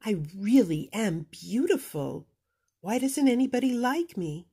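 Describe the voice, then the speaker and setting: A woman performs a vain male fish from a children's storybook. He is haughty and dramatic, full of self-pity and pride. The voice has a husky edge. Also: a little high, expressive, a little slow, mellow, voice pushed up, full character voice.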